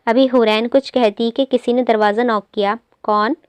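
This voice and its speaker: A woman hosting her channel and reading a romance novel aloud in a steady storytelling manner. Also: fairly high pitch, normal speed, smooth, no echo. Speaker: audiobook narrator, channel host.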